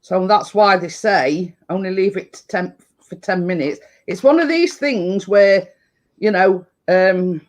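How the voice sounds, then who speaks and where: A woman co-hosting a baking show, chatting casually and rambling as she repeats herself. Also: medium pitch. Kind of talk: casual live-stream chat.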